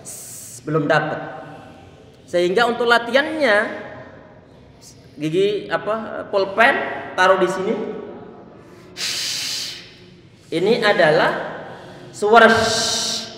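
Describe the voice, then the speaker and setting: A man giving a patient Quran recitation lesson, drilling pronunciation slowly and checking that listeners follow. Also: high voice, expressive, fairly bright tone. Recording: echoey room with long reverb.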